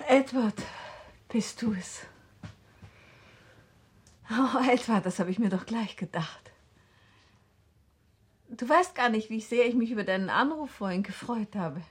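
A lonely middle-aged woman speaks softly in a 1960s radio drama. Her voice is breathy and husky and often falls to a whisper. She sounds gentle and a little uneasy. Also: on the high side, animated, moderate pace. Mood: tender uneasy. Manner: soft and gentle.

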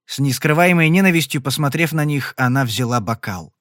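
A man narrating an audiobook Western in a steady, measured storytelling voice. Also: mid-range voice, no echo, clean studio sound.

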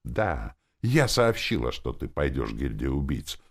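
Using his bass voice in an exaggerated, sing-song, unhurried way, a man performs an audiobook character: an emotional teenage girl. She is angry, alternating between pleading and sharp accusations.

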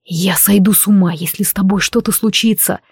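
A woman voicing a passionate, possessive male warrior lover who speaks in a low, commanding growl. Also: fairly quick, husky, dry recording, clean studio sound.

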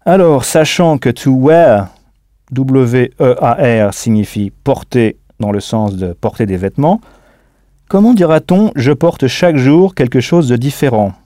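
In a dry, close studio recording, a man with a medium-pitched, mellow, dark voice teaches a language lesson. He is calm and patient, spelling words letter by letter and pausing for the listener to respond.

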